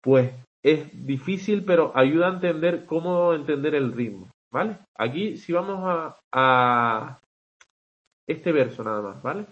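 A man's voice: fairly high pitch, lively intonation, measured pace, highs cut off. A man teaching English poetic meter in an online class, talking conversationally and checking in with frequent rhetorical "vale", with some hesitant restarts.

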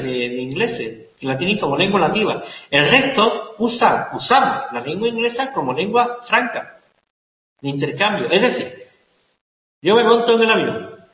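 A man's voice: high-pitched, a bit bright. A male lecturer giving a classroom lecture, repeating key words and asking the class questions. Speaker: university lecturer. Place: lecture hall. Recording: echoey hall, lecture room reverb.

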